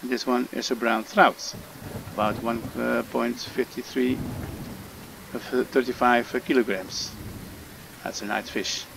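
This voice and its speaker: Vocal fry colors this Dutch gamer's medium-pitched voice as he moves at a measured pace with fairly even intonation through a fishing game tutorial. Originally from the Netherlands, he delivers casual commentary with many hesitations and fillers over background noise.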